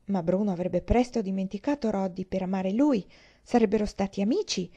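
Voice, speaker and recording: A woman reading a novel aloud, calm and even in her storytelling. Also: medium pitch. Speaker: audiobook reader. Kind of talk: scripted narration of a novel.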